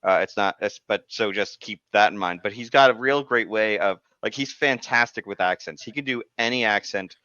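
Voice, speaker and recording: A man's voice: fairly low pitch, fairly quick, hardly any pauses, sharp tone, no echo. A man in casual podcast chat, earnestly explaining things at length. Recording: dry, slightly dull close mic.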